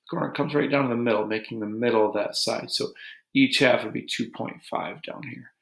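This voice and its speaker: A man teaching a geometry lesson to his students in a relaxed, joking way, talking as he draws. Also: mid-range voice, brisk, creaky. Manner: relaxed, joking, talks while drawing on a board. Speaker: math teacher. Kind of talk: recorded math lesson. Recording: echoey room.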